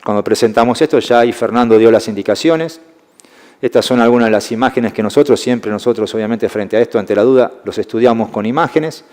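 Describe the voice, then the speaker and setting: A man's voice: medium pitch, brisk, a little mellow. A man with a Rioplatense Spanish accent giving a classroom lecture on sports medicine to young referees, explaining step by step and often checking in with his audience. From Argentina. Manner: explanatory, keeps checking in with "¿eh?" and "fíjense". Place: lecture hall. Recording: long hall reverb.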